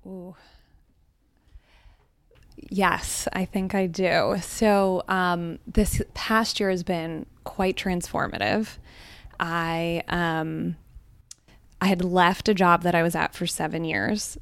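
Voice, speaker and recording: A woman on the hot seat at a live event, telling personal stories in a candid, reflective way with frequent soft ums. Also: lowish voice, gravelly, no echo. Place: live event before a small audience.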